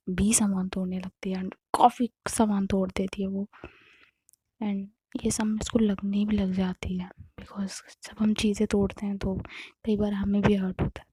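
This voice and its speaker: A woman's voice: medium pitch, warm tone, slightly rough, no echo. A woman narrating a story in a casual, half-whispered way.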